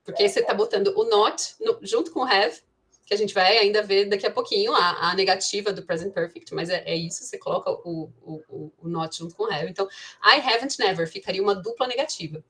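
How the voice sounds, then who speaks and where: Woman, teacher explaining grammar, average pitch, many restarts. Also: brisk, a bit bright. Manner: thinks aloud with many restarts and "né". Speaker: English teacher. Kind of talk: online class explanation.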